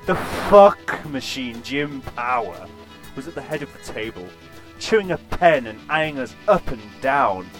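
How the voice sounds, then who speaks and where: A man reading an absurd, crude comic story in a deadpan way. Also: medium pitch, unhurried, over music.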